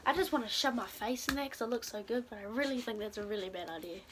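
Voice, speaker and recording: A playful woman chatting excitedly with friends, tossing in jokey comments. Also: on the high side, fast talker, a crowd in the background. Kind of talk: casual chat.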